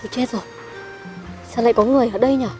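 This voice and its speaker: A woman playing a flustered young health officer in disguise, fretting and hushing in a comedy sketch. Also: a little high, fairly even intonation, racing, faint music behind, lightly acted. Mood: hushed. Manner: panicky, hushed, fretting.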